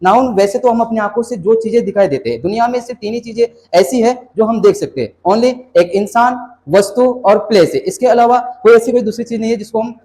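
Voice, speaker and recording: A man's voice: high voice, fairly quick, few pauses, dark tone. A man gives an exam-prep grammar lesson. He explains step by step, mixes Hindi with English terms and keeps asking rhetorical questions. His speech is patient and explanatory.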